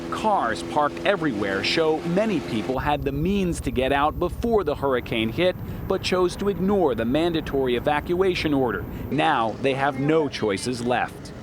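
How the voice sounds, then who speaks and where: A male field reporter reads a broadcast news script in a somewhat high voice. His delivery is measured with dramatic emphasis, over faint background noise. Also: lively intonation.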